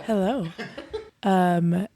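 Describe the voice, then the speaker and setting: A woman's voice: fairly low pitch, fairly even intonation, very slow, warm tone. A woman teacher telling a story on a podcast, laughing through the telling. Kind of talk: casual storytelling.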